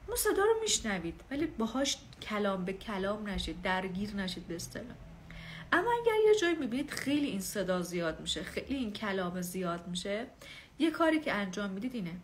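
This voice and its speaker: A woman's voice: medium pitch, slight background noise. Earnest woman teaching self-knowledge live. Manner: earnest, conversational, acts out inner voices and everyday exchanges. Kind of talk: live-streamed spiritual lesson.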